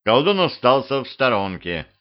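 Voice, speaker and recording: A man reads a humorous homemade audiobook with lively, expressive narration. His voice is of middle pitch. The recording is dull and lo-fi. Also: normal speed. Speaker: audiobook reader.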